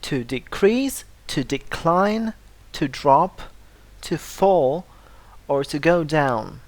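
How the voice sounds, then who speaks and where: Steady, deliberate English teacher, mid-pitched voice, dry close sound, repeats every word list for learners. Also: no echo. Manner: slow, careful delivery, repeating word lists for learners; stresses syllables to model pronunciation. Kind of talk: scripted vocabulary lesson.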